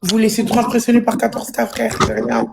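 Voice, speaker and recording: A woman's voice: fairly high pitch, steady tone, a little fast, creaky, crowd noise. A woman on a live stream, thanking and rallying her supporters, then earnestly explaining her limits. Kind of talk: casual live-stream chat.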